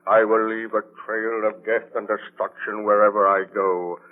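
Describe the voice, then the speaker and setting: Threatening and declamatory, a man voices a lonely, man-made monster full of anguish and vengeance in a portentous 1930s radio drama. He speaks naturally at normal speed, in a fairly low, level voice, heard through a tinny, band-limited period broadcast.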